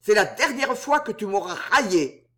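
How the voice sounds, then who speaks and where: A reader voicing a haughty, hot-tempered male count in a swashbuckling audiobook, sneering and quick to rage. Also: mid-range voice, big pitch swings. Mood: furious. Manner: sneering, then raging.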